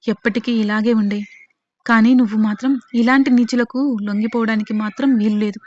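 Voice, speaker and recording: A woman's voice: fairly high pitch, steady tone, a little fast, a little mellow, natural voice. A woman voicing a sad, pleading young woman who is expecting a child, in a dull lo-fi recording. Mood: sorrowful. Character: sorrowful pregnant young woman, elder sister.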